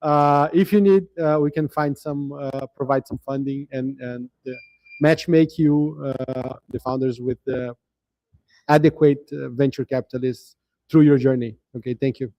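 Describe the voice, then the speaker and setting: Halting man with a mellow voice. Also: mid-range voice, fairly even intonation, no echo, lo-fi sound. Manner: halting, many fillers. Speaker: startup investor presenting. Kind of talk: casual event talk.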